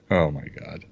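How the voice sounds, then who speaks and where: A man co-hosting a casual fantasy football podcast over a video call, talking excitedly and pounding the table. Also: no echo. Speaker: podcast co-host. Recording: dull, dry lo-fi sound.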